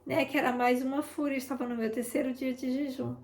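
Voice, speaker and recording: A woman shares an informal testimony of faith, speaking in a fairly high voice with a gravelly, fry-touched edge. She keeps talking straight to her listeners, and the sound carries a roomy echo. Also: little pitch movement, fast, darkish tone. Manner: chatty, keeps addressing listeners, re-enacts conversations. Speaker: intercessor sharing a testimony. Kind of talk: informal testimony in a prayer broadcast.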